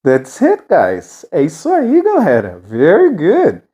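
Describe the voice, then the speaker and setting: Slow, lively Brazilian woman teaching English. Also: fairly low pitch. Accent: Brazilian Portuguese. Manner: slow, drilling repetition, switches between Portuguese and English. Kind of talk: online video lesson. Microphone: camera with ring light.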